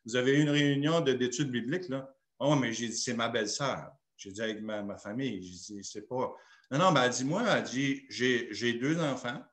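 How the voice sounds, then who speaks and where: A man's voice: medium pitch, a little fast, fairly bright tone, roomy sound. A man with a Québécois French accent, a pastor telling a personal story in a sermon and acting out the dialogue. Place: church.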